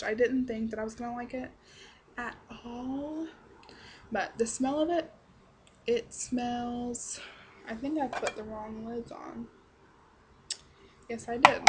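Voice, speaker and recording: A woman's voice: on the high side, slight background noise. A young woman giving a casual, chatty review to camera, rambling along in a blunt, salty-tongued way. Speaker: product reviewer.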